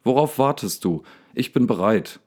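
A man reading a storybook, voicing an agitated young man shouting indignantly at a lion. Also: on the low side, lively intonation, a little slow, pitched above the performer's own voice. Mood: defiant. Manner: angry, indignant outbursts. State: slightly hysterical.

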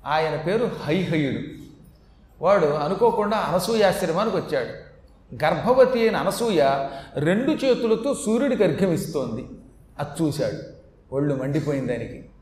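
High-ish male voice doing a chatty scripture talk w jokes, echoey hall. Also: animated, moderate pace, pauses often, darkish tone. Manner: chatty, with humorous asides. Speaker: religious storyteller. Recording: echoey hall with faint ambience.

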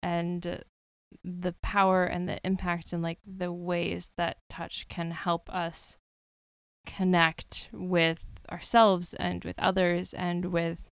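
A woman's voice: on the low side, monotone, slow pace, clear, resonant tone, no room sound. A woman hosting a podcast, chatting casually with many fillers and restarts. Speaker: podcast host.

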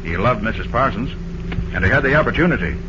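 An actor playing a brisk, probing, confident detective in an old-time radio drama. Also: male voice, on the low side, lively intonation, natural voice. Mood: matter-of-fact. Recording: muffled noisy old radio recording.

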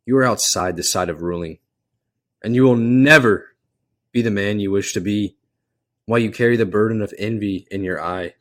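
A proud male king from a storybook tale, solemn and stern as he lays down his rule. A man plays him in a measured, declaiming voice. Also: on the low side, steady tone, darkish tone. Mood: calm, stern.

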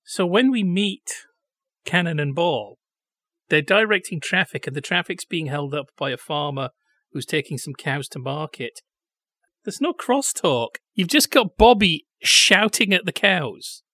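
A man co-hosting a film review podcast, chatting in a sardonic way and tossing in silly quick voices. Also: a little high, lively intonation, pushed and bright, no room sound, clean studio sound. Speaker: podcast co-host. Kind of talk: casual film review chat.

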